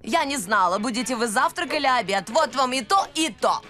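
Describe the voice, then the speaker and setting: High, bustling cartoon granny. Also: female voice, animated, brisk, pushed and bright, soft background music. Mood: hospitable. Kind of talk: dubbed cartoon acting.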